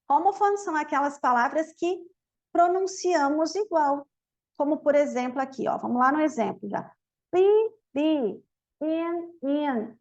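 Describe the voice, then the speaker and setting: A woman from Brazil whose first language is Portuguese, teaching an English lesson and explaining it step by step in Portuguese, repeating each example word twice. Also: sits high.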